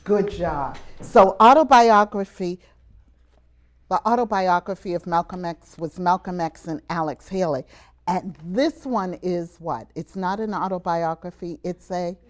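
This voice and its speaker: Her voice sits on the low side and moves at a measured pace as she leads students on a TV show. Taped live before an audience at a college venue, she speaks to the children emphatically, like a teacher, prompting them with questions.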